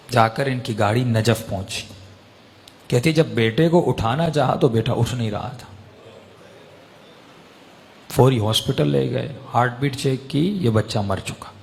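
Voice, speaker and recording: A man's voice: mid-range voice, gravelly, slight background noise. A man preaching in an emotional storytelling sermon, impassioned and rising to raised pleading peaks. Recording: long hall reverb.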